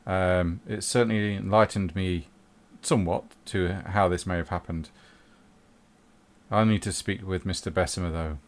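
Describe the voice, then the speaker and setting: A man doing a low-voiced, stern provost of mages, formal and curt, for a tabletop game. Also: fairly even intonation. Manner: formal, measured, with hesitations.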